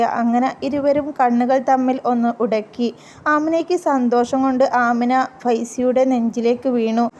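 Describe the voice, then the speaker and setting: A woman narrates a melodramatic life story in steady, plain storybook narration, her voice pitched high and light. A faint hiss of noise runs underneath the reading.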